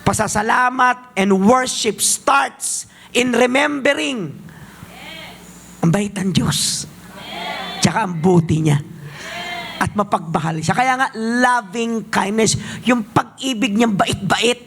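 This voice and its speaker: Male pastor, high voice, gravelly edge, sermon with call-and-response, slow emphatic lines and quick asides, faint noise behind. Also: fairly bright tone. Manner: mixes scripture reading with call-and-response to the congregation.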